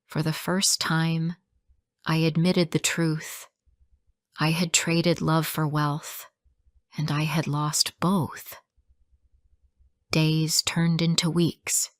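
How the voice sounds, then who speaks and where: A woman's voice: low voice, little pitch movement, extremely slow, long pauses, dry recording, clean studio sound. A woman narrating a first-person story for English learners in a plain, careful reading voice.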